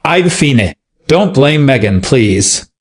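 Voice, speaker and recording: A male narrator voicing a fragile, clingy young woman who pleads softly and lifts his pitch a little for her. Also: very animated, takes it slowly. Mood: pleading.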